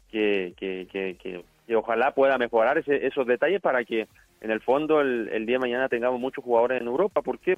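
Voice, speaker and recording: A man's voice: mid-range voice, dry recording. A middle-aged man, a football coach, speaking as a guest over the phone and often repeating words as he searches for them. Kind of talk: phone interview. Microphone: phone call. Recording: dry tinny phone line.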